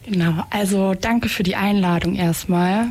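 A woman's voice: medium pitch, steady tone, a little slow, a little mellow. A young adult woman speaking casually as a student activist guest in a radio interview.

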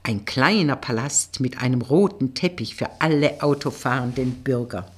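A woman reading an audiobook, voicing a confident, flirtatious male police colleague in a slightly lowered, teasing tone. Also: normal speed, breathy edge. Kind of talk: audiobook character voice.

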